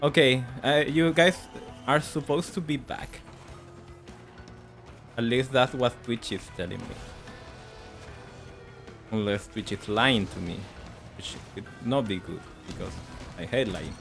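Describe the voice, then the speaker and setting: Over faint background music, a man speaks at a measured pace in a mid-range, fairly bright voice with vocal fry and long pauses. Spanish is his first language and he carries its accent, chatting loosely while streaming a game, laughing a lot and repeating words as he stumbles.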